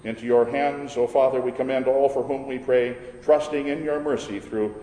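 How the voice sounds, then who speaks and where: A male pastor recites liturgical prayer with solemn, formal care and a measured delivery. His mid-pitched voice rings through a large, echoey church with long reverberation. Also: steady tone, mellow, slight background noise. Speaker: pastor leading a church service.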